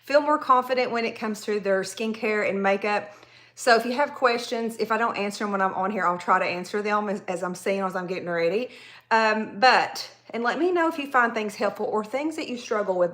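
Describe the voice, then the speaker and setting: A woman in her forties from Tennessee, speaking with a Southern accent, does her makeup on a livestream and chats casually with viewers, rambling and addressing them directly. Her voice is medium-pitched and fairly bright, at a normal speed.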